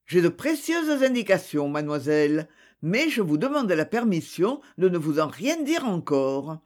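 A reader voicing Francis, a calm, courteous male investigator who questions people gently but insistently. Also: medium pitch, moderate pace, natural voice.

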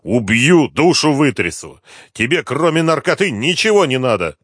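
A man reading an audiobook, voicing a brutal, gruff male police inspector who talks harshly and with threats. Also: mid-range voice, very animated, moderate pace, fairly bright tone, dry recording, clean studio sound, pitched above the performer's own voice. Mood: angry interrogating.

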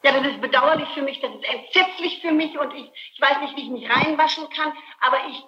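On an archival interrogation tape, a woman questioned by police as a suspect issues insistent, pleading, emphatic denials. Her voice is high-pitched and brisk. The recording is muffled and roomy, with a little hiss or hum.

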